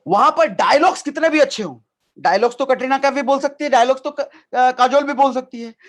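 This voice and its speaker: A man leading a live online training session over a video call, energetic and repetitive, asking viewers to reply in the chat. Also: extremely high pitch. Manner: energetic, repetitive coaching, asks the chat for replies. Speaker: network marketing trainer.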